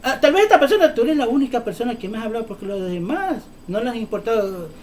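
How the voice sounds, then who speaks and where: A male preacher delivers a sermon in a high, ringing voice. He talks fervently and often breaks into shouting. He drives his points home with rhetorical questions. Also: lively intonation, fast talker, slight background noise.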